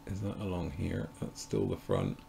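A man's voice: low voice, sing-song, normal speed, vocal fry, mellow. A man hosting a casual live show about model kits, talking in a loose, rambling, chatty way as he explains things. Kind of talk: casual live-stream chat.

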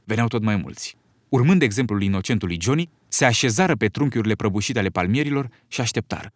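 A man narrating an audiobook in an expressive storytelling manner. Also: lowish voice, dry recording, clean studio sound. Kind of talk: scripted narration.

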